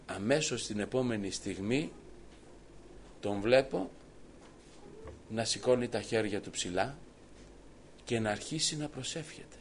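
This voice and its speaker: A man's voice: fairly low pitch, expressive, pauses often, a little hiss or hum. A man telling a personal story to his congregation as a sermon, quoting the dialogue at length. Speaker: preacher giving testimony. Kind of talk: sermon testimony.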